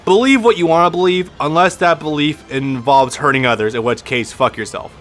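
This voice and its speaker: A man's voice: on the high side, fairly quick, a bit bright, soft background music. A man with a lisp giving casual, rambling gameplay commentary as a let's play host, swearing freely and restarting his sentences often. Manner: rambling, profane, frequent restarts.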